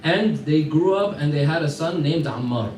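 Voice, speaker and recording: American male teacher, casual storyteller who quizzes the class, slightly high voice, recorded from a distance. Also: lively intonation, moderate pace, darkish tone. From United States. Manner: conversational, quizzes listeners, chuckles through anecdotes. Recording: echoey room, mic far off, faint background hum.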